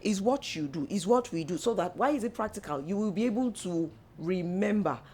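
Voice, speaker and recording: A woman's voice: medium pitch, animated, fairly quick, mellow. A middle-aged woman, giving earnest faith-based advice in a church talk. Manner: earnest, exhorting, mixes in local slang. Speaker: co-host, church mother.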